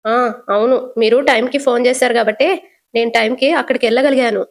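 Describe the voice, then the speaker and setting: A woman's voice: fairly high pitch, fairly even intonation, quick pace, gravelly. A woman voicing a joking young son-in-law who reassures his mother-in-law by phone, in a retold TV serial. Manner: wisecracking, reassuring. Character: young adult man, quick-tongued joking son-in-law.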